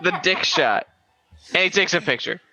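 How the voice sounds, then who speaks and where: A man co-hosting a casual watch-along podcast, animated and laughing often. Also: high-pitched, normal speed. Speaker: podcast co-host. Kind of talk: casual chat. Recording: dry, dull lo-fi mic.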